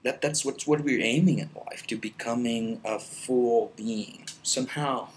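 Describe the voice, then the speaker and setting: Speaking a little slowly at a medium pitch, a man from El Salvador vlogs into his computer at an indoor meditation center. His talk is relaxed and meandering, packed with fillers and restarts. The audio is poor.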